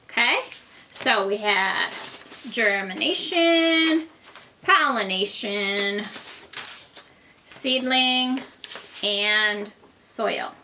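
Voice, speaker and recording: A woman's voice: on the high side, sharp tone, a little hiss or hum. A woman teaching a reading lesson to young children, explaining things simply and patiently like a kindergarten teacher talking to little ones.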